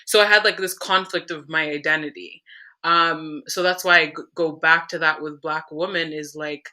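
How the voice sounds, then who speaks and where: A woman's voice: low-pitched, fairly even intonation, normal speed, pushed and bright. A young woman from Canada, a podcast guest telling her story in an earnest, reflective way. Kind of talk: candid conversational interview.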